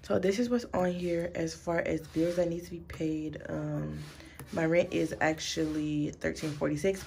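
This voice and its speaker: Out of breath at home, a 19-year-old vlogger from Michigan, USA chats casually with her viewers and calls them y'all. Her voice sits lowish and gravelly with a darkish tone, and there's a faint hiss or hum.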